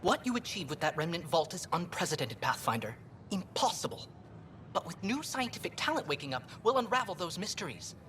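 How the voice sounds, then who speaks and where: An eloquent, admiring scientist professor. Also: male voice, sits high, big pitch swings, a little fast, sharp tone, slight background noise, full character voice. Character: enthusiastic male scientist professor.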